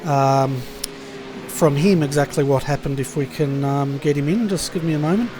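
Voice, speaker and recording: A man's voice: fairly high pitch, moderate pace, noisy background. A man doing easygoing, casual commentary on an online motor race over voice chat. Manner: easygoing, chatty, laughs with co-hosts.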